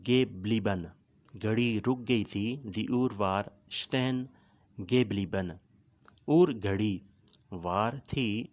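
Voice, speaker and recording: Patient man teaching phrases slowly, low voice. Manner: patient, repeats each phrase and explains it word by word. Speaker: language teacher. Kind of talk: language lesson, repeating phrases slowly.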